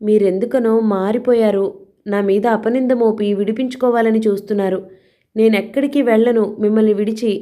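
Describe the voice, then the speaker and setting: A woman's voice: fairly high pitch, fairly even intonation, normal speed, warm tone, pitched above the performer's own voice, natural voice. A woman voicing a frightened, pleading wife. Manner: tearful, pleading protests. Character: frightened, pleading young wife accused by her husband.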